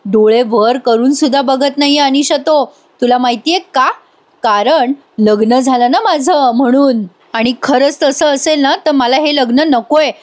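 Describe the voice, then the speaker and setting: A woman's voice: sits high, darkish tone. A woman voicing a hurt young woman who pleads and pours out her feelings. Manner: emotional, pleading, drawn-out. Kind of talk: voice-over retelling of a TV serial.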